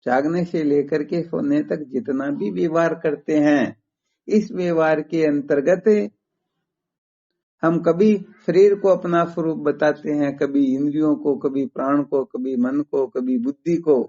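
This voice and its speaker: A man with a fairly high voice teaches spiritual philosophy on a phone call, explaining things methodically and putting rhetorical questions to his listener. He sounds mellow and unhurried with fairly even intonation, and the recorded call is dull and lo-fi.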